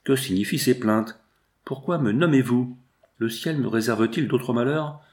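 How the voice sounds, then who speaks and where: A man's voice: medium pitch, normal speed, a little mellow, lightly acted. A man voicing an anxious noble princess and mother who urgently begs for an explanation. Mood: imploring. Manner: imploring, urgent.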